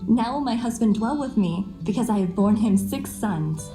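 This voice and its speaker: A woman's voice: medium pitch, lively intonation, moderate pace, natural voice. An actress playing a grateful, hopeful biblical wife and mother, speaking solemnly in a dramatised scripture reading. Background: music.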